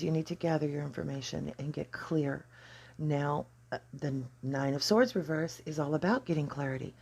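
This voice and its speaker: Measured and explanatory, a medium-pitched astrology host describes a card reading at a deliberate pace, pausing between phrases. The voice sounds mellow and husky, threaded with gravelly creak.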